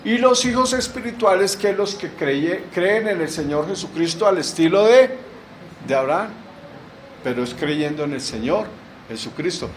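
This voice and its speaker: A man's voice: sits high, lively intonation, moderate pace, a little hiss or hum, rough recording. A middle-aged man preaching a sermon in a church, asking rhetorical questions and answering them with emphasis.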